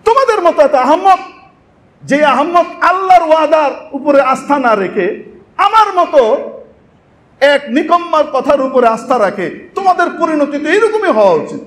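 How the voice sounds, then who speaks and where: A man's voice: extremely high pitch, sing-song, moderate pace, a bit bright, pitched above the performer's own voice, full character voice. A man voicing a mocking, arrogant male devil who taunts the damned with scorn. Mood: scornful taunting. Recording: echoey mosque hall.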